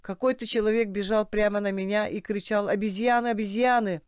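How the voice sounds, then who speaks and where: Кастинг: женщина читает за робкого тихого мужчину, чуть ниже обычного, чистый голос. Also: female voice, mid-range voice, fairly even intonation, brisk, clean tone, dry recording, studio quality, lightly acted. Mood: timid. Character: man questioned about seeing monkeys, timid.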